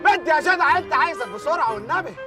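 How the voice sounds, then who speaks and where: A frantic Egyptian comic hustler. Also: male voice, very high-pitched, lively intonation, rapid-fire, music in the background. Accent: Egyptian Arabic. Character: brash hapless young man on a rescue errand. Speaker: comic lead in a TV series.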